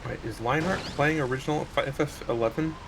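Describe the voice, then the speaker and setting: A man's voice: mid-range voice, fast, background noise. A man talking casually with friends about games. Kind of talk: casual chat among friends over gaming. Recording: loud game music behind the voice. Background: music.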